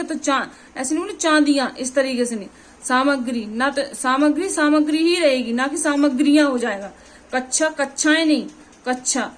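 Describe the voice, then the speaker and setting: A woman teacher with a Hindi accent from Uttar Pradesh, explaining grammar to students through examples and often checking that they follow. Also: high voice. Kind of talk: exam-prep grammar lesson.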